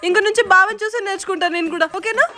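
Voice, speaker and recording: Very high-pitched exasperated woman. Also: racing, loud music behind the voice. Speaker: comedy sketch performer. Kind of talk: comedy skit acting.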